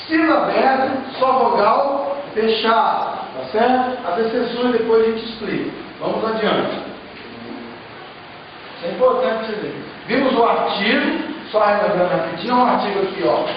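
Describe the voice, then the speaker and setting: High-voiced Brazilian teacher in an echoey classroom. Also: male voice, slight background noise. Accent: Brazilian Portuguese. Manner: explains step by step, keeps checking with "tá certo?". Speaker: Hebrew teacher. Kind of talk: classroom lecture. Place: church classroom. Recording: muffled, echoey room, distant mic.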